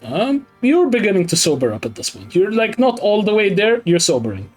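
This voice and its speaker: A man's voice: high-pitched, big pitch swings, fairly quick, faint music behind. A man running a tabletop game as game master, explaining rules casually and swearing freely.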